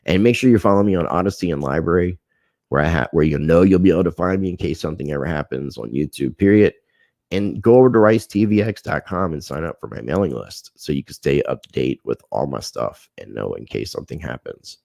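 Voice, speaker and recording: Speaking fairly quickly in a very deep, creaky, slightly mellow voice, an American livestream host runs a casual stream. He reads out viewer comments, thanks people by name, and vents a grievance, with clean studio sound and no room sound.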